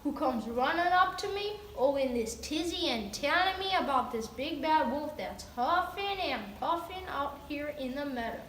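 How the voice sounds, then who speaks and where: A woman's voice: sits high, expressive, moderate pace, few pauses, fairly bright tone, a little hiss or hum. A woman voicing a rambling old farmer pig who drawls in folksy country talk. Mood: gossipy. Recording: roomy echo.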